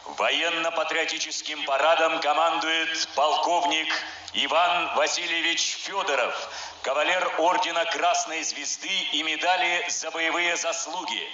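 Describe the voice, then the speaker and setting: A man's voice: a little high, steady tone, unhurried. A man making formal ceremonial announcements as a parade announcer, solemn and declamatory. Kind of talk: formal ceremonial announcement, reading a military order. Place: large outdoor square at a parade. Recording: echoing outdoor loudspeakers, distant, noisy, dull.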